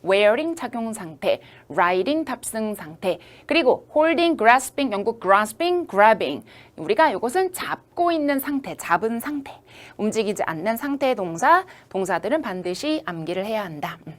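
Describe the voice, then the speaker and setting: A woman in her thirties giving a lively online lecture as an English test instructor, acting out examples as she explains. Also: a little high, normal speed. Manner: lively, demonstrative, acts out examples. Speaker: TOEIC listening instructor.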